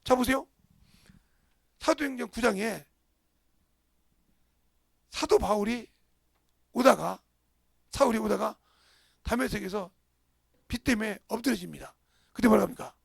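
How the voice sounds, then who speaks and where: A middle-aged male pastor preaching a storytelling sermon, acting out voices and sometimes shouting. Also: sits high, unhurried, vocal fry, long pauses, slightly rough, no echo, studio quality. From South Korea.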